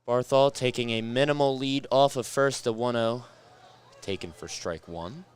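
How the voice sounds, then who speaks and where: A man's voice: mid-range voice, moderate pace, clear, resonant tone. Young guy on college radio calling baseball, laid-back, dry jokes. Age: young adult. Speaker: color commentator.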